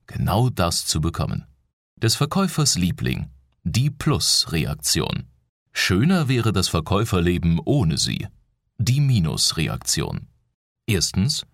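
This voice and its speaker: A man's voice: sits low, creaky, no room sound, studio quality. A man giving a persuasive, instructive, scripted narration of a self-help audiobook.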